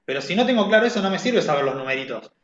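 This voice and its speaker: Bright-voiced man teaching music, echoey. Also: a little high, animated, rapid-fire. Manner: conversational, asks "¿sí?" to check understanding. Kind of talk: online class explanation. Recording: echoey, dull lo-fi sound.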